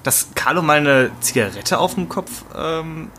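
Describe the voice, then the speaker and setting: A man's voice: on the high side, lively intonation, a little slow, sharp tone, slight background noise. A young man chatting casually and telling anecdotes in slangy, colloquial language.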